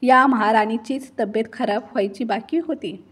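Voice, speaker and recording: A woman voices a sharp-tongued older mother-in-law in a storybook, forever grumbling and taunting. The voice sits a little high and comes out breathy and husky. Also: moderate pace. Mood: scolding. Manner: scolding, taunting.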